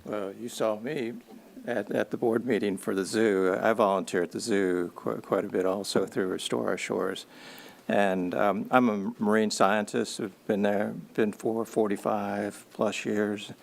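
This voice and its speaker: A man in his sixties, a committee member, giving a modest, halting self-introduction at a meeting. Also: fairly low pitch, steady tone, vocal fry. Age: 60s.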